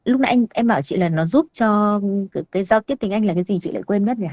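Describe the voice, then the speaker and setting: A woman's voice: mid-range voice, fast talker, darkish tone, dry recording, dull audio. A woman from Vietnam with a Vietnamese accent, speaking English hesitantly with many fillers as an adult learner. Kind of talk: halting practice conversation.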